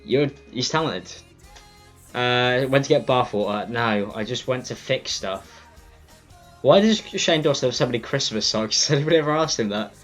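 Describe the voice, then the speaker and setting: A man's voice: mid-range voice, animated, normal speed. A man chatting casually on a livestream through a cheap mic. He rambles, apologizes, and stumbles over his words. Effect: lo-fi livestream mic audio. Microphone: cheap computer mic for streaming. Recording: dull lo-fi streaming mic, faint music.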